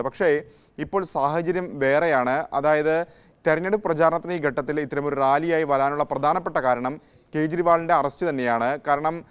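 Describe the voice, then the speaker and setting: A man's voice: a little high, smooth. A man in his thirties reporting live as a news correspondent, explaining steadily with occasional restarts.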